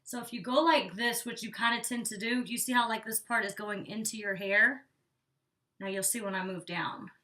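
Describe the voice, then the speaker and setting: Recorded far from the mic, this young woman speaks at a moderate pace in a fairly high, pushed and bright voice. As a beauty vlogger doing a hair tutorial, she rambles casually with plenty of "like", a little congested and breathless.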